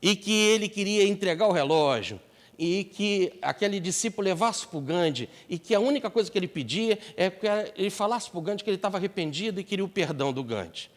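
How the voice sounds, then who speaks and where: A man lecturing at a spiritist seminar, telling a story with expressive swings of pitch. His voice sits fairly high. The hall adds a long reverb. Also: quick pace.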